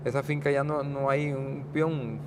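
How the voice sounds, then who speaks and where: A man in his sixties from Guanacaste with a Guanacaste Costa Rican accent, a guest talking in a casual interview, rambling and halting with many restarts. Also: mid-range voice, level tone, noisy background. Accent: Guanacaste Costa Rican Spanish. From Costa Rica, Guanacaste. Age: 60s.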